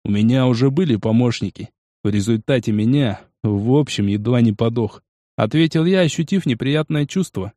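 Guy reading an audiobook in first person, steady, dry close sound. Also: medium pitch, moderate pace, no room sound. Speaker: audiobook narrator.

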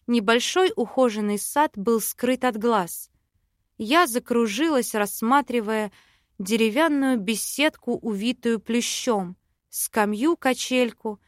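Female audiobook narrator, fairly high voice, smooth and even delivery; dry studio sound. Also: dry recording. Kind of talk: scripted narration.

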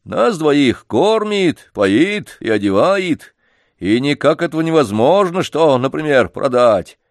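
A man's voice: mid-range voice, expressive, a little slow, dry recording, studio quality, lightly acted. A man voicing an old, humble but dignified street organ grinder, deferential and folksy. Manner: deferential, folksy, quietly stubborn. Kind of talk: audiobook character reading.

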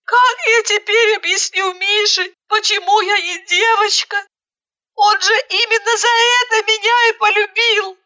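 A woman's voice: fairly even intonation, pushed and bright, lo-fi sound, full character voice. A woman voicing a hysterical young bride who sobs and cries out in desperation, stretching her words as she wails. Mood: anguished. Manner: shrill crying outbursts, drawn-out wailing words. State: crying.

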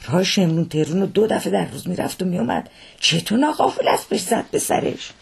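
Man reading as a loud, grumbling coachman. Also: sits high, vocal fry, husky, pitched above the performer's own voice, full character voice. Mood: lamenting. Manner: loud, complaining. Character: grumbling male carriage driver, impatient.

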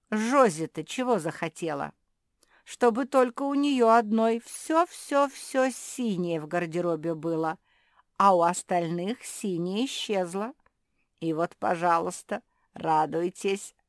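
A woman's voice: medium pitch, expressive, takes it slowly, no echo, clean studio sound, pitched above the performer's own voice. A woman voicing a male character who mocks and gloats. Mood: mocking. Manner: mocking, gloating.

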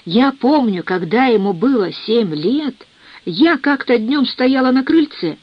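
A woman's voice: on the high side, expressive, measured pace, husky, muffled recording. A woman reading a stubborn older mother. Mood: hopeful.

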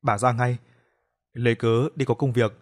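A man reading the quiet lines of a gentle old grandmother in a told story. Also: mid-range voice, steady tone, moderate pace, natural voice. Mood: soft. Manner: quiet, soft. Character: gentle old grandmother, soft-spoken, kind.

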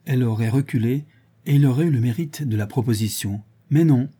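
A man reads a novel aloud in a measured, expressive way. His voice is very dark and mellow, with a husky grain. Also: medium pitch. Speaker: audiobook narrator. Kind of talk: scripted narration of a novel.

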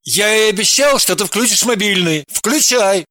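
A woman's voice: mid-range voice, lively intonation, normal speed, pushed and bright, no echo, clean studio sound. A woman voicing an easygoing man who teases and jokes casually in a storybook reading. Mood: urging. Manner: teasing, casual. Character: easygoing joking man, friend.

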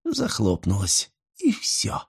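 A man's voice: medium pitch, a little slow, vocal fry, husky, heavily acted. A man voicing a gloomy young man who has just fallen in love. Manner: gloomy, deadpan.

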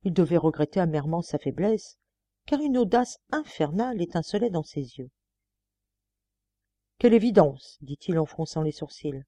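Woman reading a novel, mellow and dry. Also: deep voice, no echo. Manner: measured, expressive reading. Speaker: audiobook reader. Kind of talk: scripted narration of a classic novel.

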